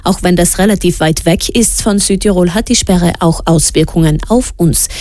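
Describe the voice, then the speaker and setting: A woman reading the radio news in a steady, measured way. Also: fairly low pitch, dry recording, studio quality. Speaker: news presenter. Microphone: studio microphone.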